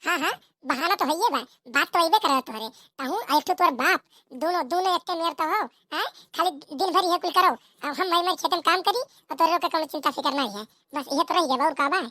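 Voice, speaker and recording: A woman's voice: extremely high pitch, brisk, bright, forceful tone, no echo, studio quality. A woman with an Awadhi accent voicing a short-tempered village mother in a cartoon comedy, nagging and repeating her rebukes. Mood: scolding.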